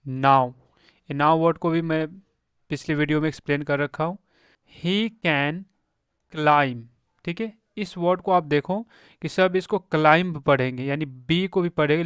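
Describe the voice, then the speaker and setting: A man's voice: on the high side, clean tone, no room sound. A young man with a Hindi accent teaching English reading, spelling words out letter by letter and repeating them for beginners. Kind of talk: slow spelling-out lesson.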